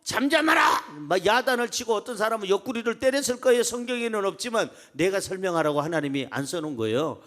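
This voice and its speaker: A man's voice: high-pitched, fast, hardly any pauses. A man preaching a sermon as pastor, acting out voices and leading the congregation in reading aloud. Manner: animated, acts out crowd voices, calls congregation to read along.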